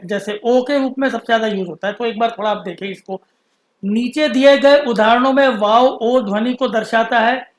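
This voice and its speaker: Patient man teaching letters, echoey room. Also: very high-pitched. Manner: patient, stretches out letter sounds slowly. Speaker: Urdu teacher. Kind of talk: explaining a lesson.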